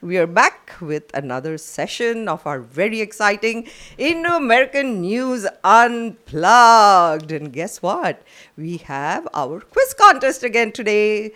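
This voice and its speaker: Animated Indian-accented woman hosting live radio. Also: medium pitch, a little slow. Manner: exclamatory, bantering. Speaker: radio show co-host. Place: radio studio. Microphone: studio microphone.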